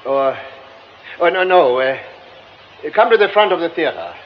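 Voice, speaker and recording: Radio drama: a stiffly polite, insistent gentleman, halting, lively lilt, dull lo-fi sound. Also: a little high. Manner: formal, halting, hesitant speech. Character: formal, insistent gentleman, courteous and guilt-ridden. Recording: dull lo-fi radio recording, faint hiss.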